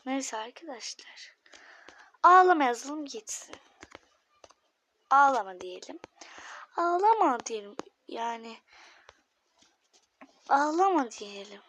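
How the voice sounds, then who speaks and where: High-voiced woman chatting through a game. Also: sing-song, slow, long pauses, a bit bright. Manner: chatty, talks to viewers, often drops to a whisper. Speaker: gaming YouTuber. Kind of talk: casual gaming commentary.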